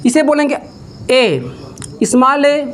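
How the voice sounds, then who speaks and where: Extremely high in pitch, very animated, and a bit bright, a man dictates a maths lesson slowly and step by step in lecture style. He answers his own questions and repeats key terms, with slight background noise present.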